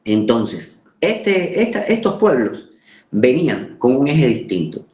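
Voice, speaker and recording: A man's voice: medium pitch, sing-song, a little mellow. Echoey Caribbean Spanish-accented man lecturing. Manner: emphatic repetition for rhetorical effect, halting word searches. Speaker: course lecturer. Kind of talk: informal literature lecture. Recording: roomy, echoing sound.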